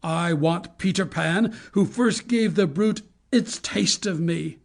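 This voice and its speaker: A woman voicing Captain Hook, a vain, brooding pirate captain, with a slow, theatrical delivery that swings from menace to whining in a storybook reading. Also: on the low side, creaky, darkish tone, exaggerated voice. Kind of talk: storybook read-aloud.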